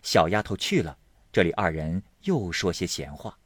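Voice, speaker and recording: Husky low-voiced male storyteller. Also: no echo, clean studio sound. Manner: measured, expressive storytelling. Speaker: audiobook narrator and podcast host. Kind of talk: serialized novel reading.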